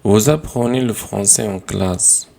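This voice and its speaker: A man teaches a grammar lesson in an unhurried, deliberate way, repeating each sentence as he corrects it. His voice sits on the low side and has a gravelly texture. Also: warm tone.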